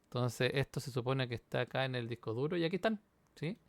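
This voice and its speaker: Man, coding tutorial, gravelly, smooth close dry mic, keyboard typing. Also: medium pitch, expressive, quick pace, no echo. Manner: explains step by step, checks in with "¿sí?". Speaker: university instructor. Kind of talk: screen-recorded coding walkthrough.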